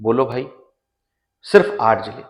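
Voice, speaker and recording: A man's voice: medium pitch, expressive, a little slow, low-quality recording. A man lecturing a class, chatty and repetitive, drilling lists and asking the students questions. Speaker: teacher.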